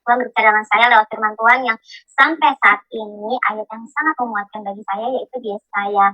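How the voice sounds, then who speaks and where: Bright-voiced woman giving emotional testimony. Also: fairly high pitch, steady tone, dry recording, soft background music, rough recording. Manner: emotional, halting, many fillers and restarts. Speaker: testimony speaker.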